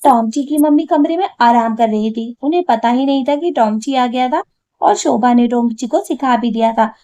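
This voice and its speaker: A woman's voice: on the high side, moderate pace, dark tone. A woman narrating a cartoon story in a plain, matter-of-fact way.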